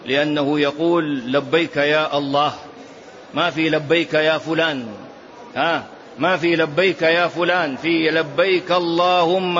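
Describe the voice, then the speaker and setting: Man teaching a lesson, higher-pitched voice. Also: fairly bright tone. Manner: repeats key phrases for emphasis, sometimes draws them out in a chant. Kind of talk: classroom explanation of a text. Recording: dull lo-fi lesson recording.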